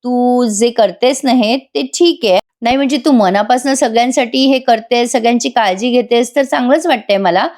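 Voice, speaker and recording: A woman's voice: fairly high pitch, moderate pace, few pauses, darkish tone, pitched above the performer's own voice, natural voice. A wary young man, voiced by a woman narrator makes dry, sarcastic jabs. The reading stays near her own voice.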